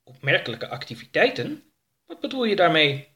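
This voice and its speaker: A man voicing a small, curious, impulsive male alien explorer in a storybook reading, with a high, excitable delivery. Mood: eager. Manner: high, excited, quick-tempered.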